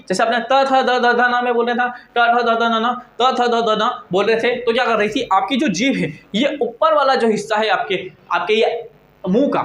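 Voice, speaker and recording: A man's voice: high voice, fairly bright tone. A male teacher giving a lecture, asking questions and answering them himself. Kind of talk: classroom lecture. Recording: echoey room.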